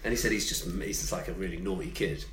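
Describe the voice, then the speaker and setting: A man's voice: low voice, fast talker, roomy sound, a little hiss or hum. A man, a podcast co-host, telling an anecdote in casual chat and acting out the voices of the people in it. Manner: animated storyteller, mimics voices in quotes.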